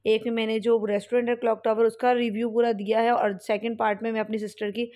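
Flat-voiced chatty woman vlogger. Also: a little high, fast, a little hiss or hum. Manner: chatty, rambling with fillers and restarts. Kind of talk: voice-over narration of a family outing.

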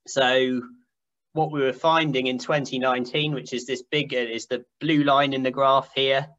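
A man presents survey data to a conference over a video call. He talks at a middling pitch and explains things with enthusiasm. The audio is a little dull and muffled. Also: little pitch movement, moderate pace, fairly bright tone. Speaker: survey team speaker. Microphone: video call webcam.

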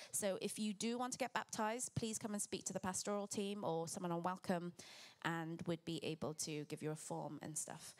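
A woman leading a church service, reading out announcements to the congregation. Her voice sits in a middle range. She speaks chattily and informally. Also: medium pitch. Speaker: service leader giving announcements.

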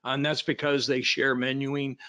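A man's voice: mid-range voice, little pitch movement, measured pace, bright, forceful tone. A man giving a technical training walkthrough over slides, in a plain explanatory way with frequent fillers and restarts. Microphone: voice-over on screen recording.

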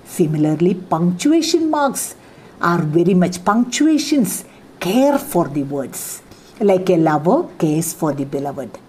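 Slow, lively-pitched Indian woman lecturing. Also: a little hiss or hum. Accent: Indian English, Kerala. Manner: explains with repeated examples, frequent "ah, see" and "uh" fillers. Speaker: college English lecturer. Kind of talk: classroom lecture.

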